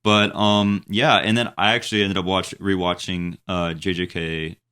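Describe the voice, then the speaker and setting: Low-voiced young man in casual chat. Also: little pitch movement, normal speed, sharp tone, smooth. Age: 20s. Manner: rambling with many fillers and restarts. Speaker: podcast co-host.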